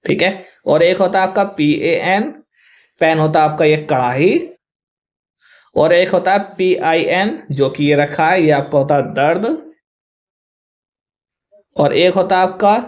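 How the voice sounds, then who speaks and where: A male teacher with a Hindi accent explains confused English words to students, spelling them out letter by letter. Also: fairly high pitch. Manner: spells words out letter by letter, often says 'thik hai'. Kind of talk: vocabulary lesson to students. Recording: dull lo-fi recording.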